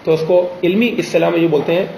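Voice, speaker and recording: A man teaching a grammar lesson in a classroom, pausing often to ask students questions and slowing down on examples. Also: on the high side, steady tone, creaky, mellow, a little hiss or hum. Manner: drills students with frequent check questions; slows down to spell out example phrases. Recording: roomy classroom echo.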